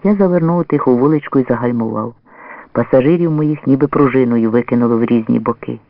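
A man's voice: mid-range voice, fast, vocal fry, no room sound. Male audiobook narrator, dry tinny sound. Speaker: audiobook reader. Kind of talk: scripted first-person narration. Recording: dry, narrow phone-like lo-fi sound.

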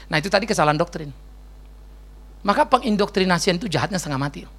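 A man's voice: high-pitched, lively intonation, quick pace, a bit bright. A man pastor giving a casual, joking sermon and answering questions, slangy and sprinkled with English words. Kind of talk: conversational sermon with Q&A.

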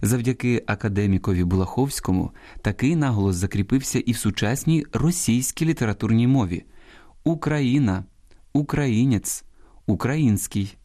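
A man presenting a scripted radio program on language, slowly and deliberately pronouncing example words. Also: fairly low pitch, animated, mellow.

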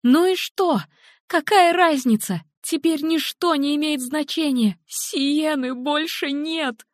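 A woman's voice: sits high, unhurried, no echo, studio quality, pitched above the performer's own voice. A woman reading an audiobook, voicing a frantic, grieving young mother who is near-hysterical and sobbing.

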